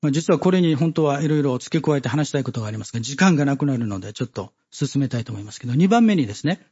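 A man giving a Bible study sermon, measured and halting with many fillers, reading scripture passages aloud. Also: medium pitch, animated, dark tone, breathy edge, muffled recording. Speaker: preacher.

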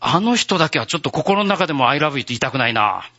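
Gentle, lively-voiced male pastor preaching. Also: on the high side, fast, muffled recording. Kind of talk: sermon.

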